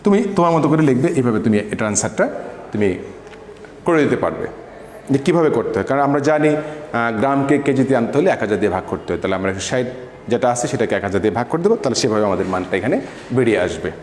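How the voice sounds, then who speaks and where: A man's voice: mid-range voice, animated, fast talker, a little mellow. A male physics teacher explaining an assignment step by step. He asks questions and answers them himself, repeats key points and mixes in English words. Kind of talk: classroom lesson explaining an assignment. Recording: echoey room with long reverb, faint background noise.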